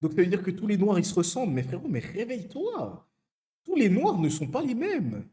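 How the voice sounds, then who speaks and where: A young man hosts his live stream from home, chatting loosely with viewers and teasing them. His voice sits a little high and swings widely in pitch. He talks in relaxed slang. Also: a little fast. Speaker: Twitch streamer reading chat. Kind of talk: casual live-stream chat.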